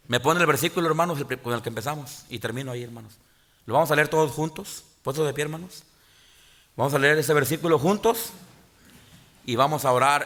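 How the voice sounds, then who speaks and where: A pastor, preaching a sermon in church, often pausing to restart and calling out "hermanos". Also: male voice, medium pitch, fairly bright tone. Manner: halting restarts and filler sounds. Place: church sanctuary.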